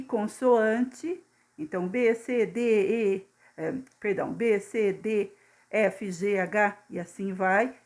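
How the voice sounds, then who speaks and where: A woman teacher, patiently going through a lesson step by step and often checking in with her students. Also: medium pitch. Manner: patient, step-by-step explaining with frequent checks like "tá bom?". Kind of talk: classroom lesson, correcting exercises.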